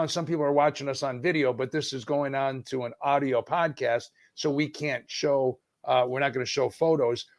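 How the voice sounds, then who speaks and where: A man's voice: a little high, no echo, studio quality. A man hosting a podcast interview over a video call, friendly and often restarting his sentences. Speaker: podcast host.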